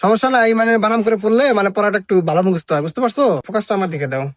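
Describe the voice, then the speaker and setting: A man's voice: high-pitched, animated, racing, a little hiss or hum. A man playing a bragging know-nothing tutor. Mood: bossy. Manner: pompous, blustering, stumbles over words. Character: boastful, ignorant male private tutor. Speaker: comedic skit actor. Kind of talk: comedy skit acting.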